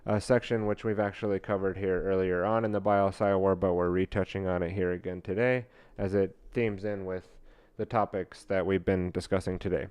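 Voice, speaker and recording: A man's voice: low-pitched, flat delivery, darkish tone, clean tone, no room sound, muffled recording. A man hosting a podcast, reading a book passage aloud and commenting on it, often stumbling with fillers and restarts. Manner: halting, many fillers and restarts while reading. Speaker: podcast host.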